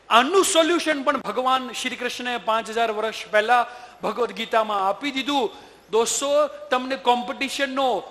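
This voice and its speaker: A man with a very high voice addresses a roomful of students as a motivational trainer. His tone is bright and forceful, and he keeps pressing the audience for a yes or no. The sound carries a long reverb from the hall. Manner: rhetorical, keeps asking the audience to agree.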